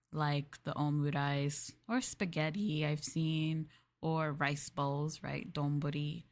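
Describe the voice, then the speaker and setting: A VTuber streamer with a low voice chats casually in a maid roleplay, rambling and laughing softly as she addresses her master.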